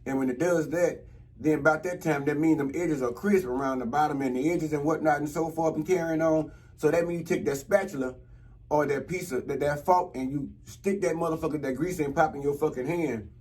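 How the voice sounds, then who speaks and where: A man's voice: on the high side, fairly quick, a little mellow. A man hosting a casual review show, talking in a blunt, exasperated, rambling way and swearing freely. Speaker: host of a reality TV review show. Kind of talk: casual profane recap and commentary.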